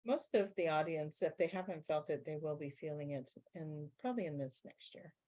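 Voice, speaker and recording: A low-pitched woman speaks as a channeller in a spiritual Q&A. She explains things in a measured way and often slows down to stress key words. Her voice stays deep and steady throughout. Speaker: channeller speaking as a guide being.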